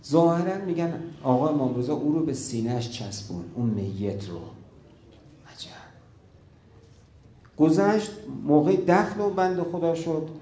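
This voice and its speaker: A man's voice: a little high, big pitch swings, long pauses. Echoey male Persian preacher, emotive. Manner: emotive storytelling, drops to a hush at key moments. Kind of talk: religious sermon.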